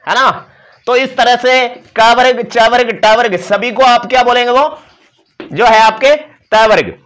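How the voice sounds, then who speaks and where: A male Sanskrit teacher gives an exam-prep lecture, explaining and demonstrating sounds while making playful asides to his students. His voice is very high-pitched and fairly bright.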